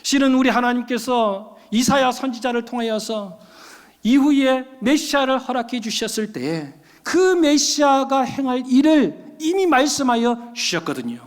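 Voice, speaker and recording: In a church sanctuary, a man preaches as pastor with a very high voice, lively intonation, and normal speed, emphatic and often calling out to the congregation. Long church hall reverb fills the recording.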